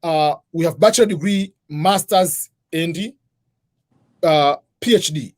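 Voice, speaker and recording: A man's voice: a little high, slow. A middle-aged man from Tanzania, a guest in an interview, explaining methodically in numbered points. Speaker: guest, scholarship advisor.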